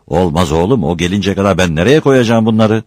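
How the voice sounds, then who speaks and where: A man putting on a gruff, bossy bakery master barking orders. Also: low-pitched, expressive, a little fast, darkish tone, dry recording, clean studio sound, voice pushed up. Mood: impatient.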